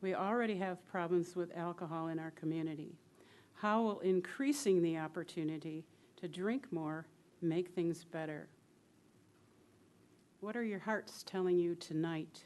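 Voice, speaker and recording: A woman's voice: on the low side, measured pace, a little mellow. A woman giving a prepared public comment at a city council meeting, reading earnestly.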